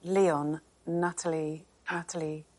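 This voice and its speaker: A woman's voice: low-pitched, flat delivery, slow pace, a little mellow. A woman on a quiz show, flustered and exclaiming as she reaches for a name. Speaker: quiz contestant.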